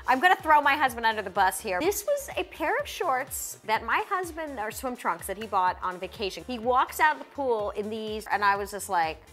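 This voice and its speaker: A woman's voice: a little high, big pitch swings, normal speed, hardly any pauses, fairly bright tone, faint music behind. A woman co-hosting a casual entertainment chat, chatty, blunt and joking, laughing often. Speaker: co-host.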